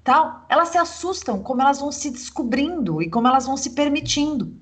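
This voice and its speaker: A woman's voice: high voice, animated, fairly quick. A Brazilian woman, a psychologist co-hosting a relationship podcast, talking thoughtfully and telling stories from her sessions. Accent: Brazilian Portuguese. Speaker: psychologist co-host. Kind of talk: podcast conversation.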